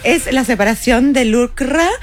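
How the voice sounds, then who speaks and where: A woman's voice: on the high side, a little slow, noisy background. A woman with a Rioplatense accent co-hosting a studio chat, playful, gossipy and mock-diva. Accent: Rioplatense Spanish. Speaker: co-host. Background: music.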